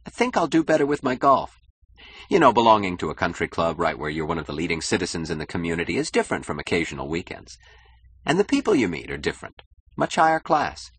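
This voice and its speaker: A man's voice: low voice, big pitch swings, quick pace, fairly bright tone, husky, full character voice. Man voicing an eager, boastful young husband. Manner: eager, boastful, nervously defensive. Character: insecure, status-hungry young husband. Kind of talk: audiobook character voice.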